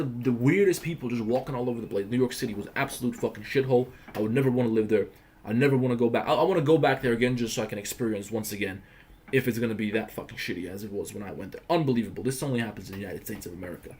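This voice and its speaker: A young man from Croatia holds forth on a casual livestream in a plain, mid-pitched voice. He talks bluntly and swears freely, building up his stories with animated emphasis close to a desk mic. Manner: profane, blunt, animated storytelling. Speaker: livestream host.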